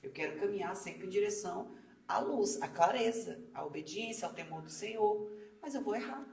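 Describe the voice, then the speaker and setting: Female devotional teacher, lively storyteller, echoey room, distant mic. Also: medium pitch, moderate pace, creaky. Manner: storytelling, acts out quoted voices. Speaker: Bible study teacher. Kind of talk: casual devotional Bible teaching.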